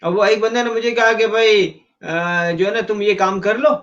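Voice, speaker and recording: A man with a high voice tells a story in easy conversational speech, filling his pauses often. He sounds set back from the mic, and the audio is dull and lo-fi, like an online call. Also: fairly even intonation, a bit bright, distant mic. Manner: tells a personal anecdote conversationally, with fillers. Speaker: discussion partner.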